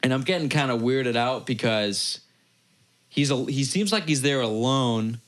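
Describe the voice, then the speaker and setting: A young man from Massachusetts tells a long bar story on a casual podcast, at a middling pitch. He rambles and backtracks, restarts his sentences, and briefly takes on the voices of the people in it. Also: measured pace, a bit bright. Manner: rambling, self-correcting storyteller who acts out quoted voices. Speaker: podcast co-host.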